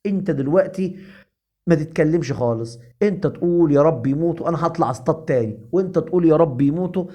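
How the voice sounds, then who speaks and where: A hot-tempered hunter, done by a man with an Egyptian accent. He blusters and accuses in a fast, heated voice. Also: fairly high pitch, mellow, close to an everyday voice. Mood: accusing. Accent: Egyptian Arabic. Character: furious adult male rabbit hunter.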